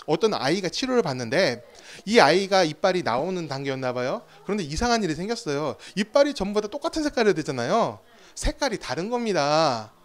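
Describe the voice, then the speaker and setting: A man preaching a sermon as pastor, telling stories with rhetorical questions and acted-out quotes. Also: high-pitched.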